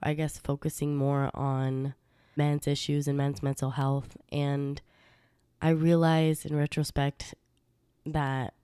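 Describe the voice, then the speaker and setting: Congested from being sick recently, a podcast host talks on her own in a deep, smooth voice, slow and level in tone. It's a chatty, rambling monologue sprinkled with fillers and quiet laughter, captured as a dry, clean studio recording.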